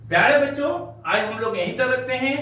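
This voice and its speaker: A man's voice: very high voice, lively intonation, brisk, pushed and bright. A man teaching a spoken English lesson, spelling out words letter by letter and addressing viewers as dear children. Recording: echoey room, voice from far off the mic.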